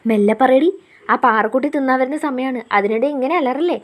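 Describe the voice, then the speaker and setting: A woman reading a story aloud, voicing a young man who is gruff but tender and teases his lover in a low drawl. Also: fairly quick, natural voice. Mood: hushed teasing. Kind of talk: storybook narration.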